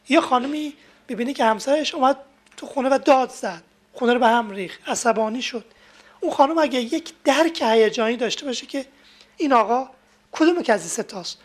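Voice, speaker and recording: A woman with a high, light voice gives a talk on family life. She explains in a steady, teaching way and walks through everyday examples from the home. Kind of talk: lecture on marriage and emotions.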